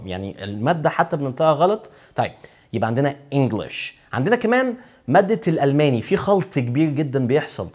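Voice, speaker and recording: Fast-talking Egyptian English teacher, man. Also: medium pitch, a little mellow. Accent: Egyptian Arabic. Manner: chatty, repeats words slowly for pronunciation. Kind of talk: casual explanatory lesson.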